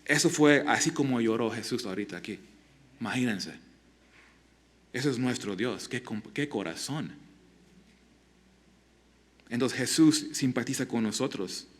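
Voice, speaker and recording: A man preaching a sermon as pastor, earnest and halting, often restarting his words and asking the listeners direct questions. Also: medium pitch, expressive. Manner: asks the congregation direct questions.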